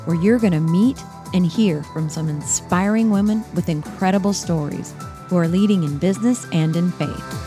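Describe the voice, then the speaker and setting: A woman reading a scripted podcast intro in a polished, measured way. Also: fairly low pitch. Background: music.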